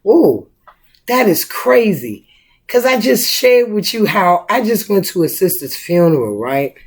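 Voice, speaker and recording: A middle-aged mother holding forth in a relaxed family conversation, her voice gravelly with a bit of fry. Her pitch sits at an ordinary middle height for a woman. She is emphatic and a touch preachy, and she keeps checking in with "right?". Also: a little slow. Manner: emphatic and preachy, asks rhetorical questions. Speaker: mother and co-host. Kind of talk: casual family chat.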